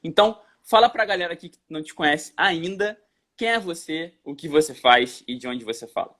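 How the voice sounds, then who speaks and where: A man's voice: fairly high pitch, lively intonation, fairly quick, fairly bright tone. A man with a Brazilian Portuguese accent hosting a casual live-stream chat, upbeat and enthusiastic. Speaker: host.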